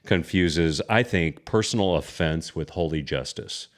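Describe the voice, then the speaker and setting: A middle-aged man hosting a casual Bible discussion podcast, animated, laughing often and repeating words when excited. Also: deep voice, measured pace. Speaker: podcast host.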